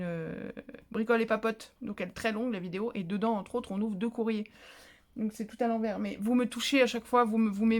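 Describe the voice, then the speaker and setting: Woman, slightly high pitch, casual chat, emotional and exclaiming, home vlog. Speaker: craft vlogger. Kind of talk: casual chat while opening mail.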